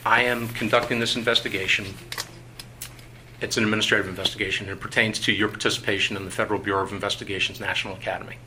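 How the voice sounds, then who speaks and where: Male investigator on an old interrogation tape: low, monotone, bright-edged delivery, procedural and deliberate. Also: a little hiss or hum, low-quality recording. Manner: reads procedure in a measured, bureaucratic tone with frequent "uh"s. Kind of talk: formal official interview. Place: conference room. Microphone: tabletop recorder.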